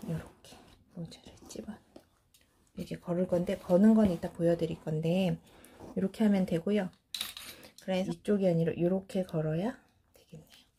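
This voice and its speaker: A woman casually demonstrating a home organizing tip, talking softly as she works and often dropping to a whisper. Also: lowish voice, steady tone, brisk. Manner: talks softly while working, often drops to a whisper. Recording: faint background noise.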